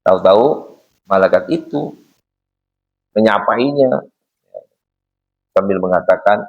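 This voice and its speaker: A man teaching a religious study lecture in an animated way, piling up rhetorical questions. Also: fairly low pitch, slow pace, highs cut off.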